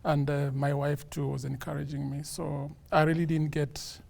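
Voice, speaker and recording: A man from Kenya, a police sergeant, speaking in a measured way with many pauses and fillers in an interview. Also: on the high side, level tone, gravelly, a little mellow. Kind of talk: casual interview talk.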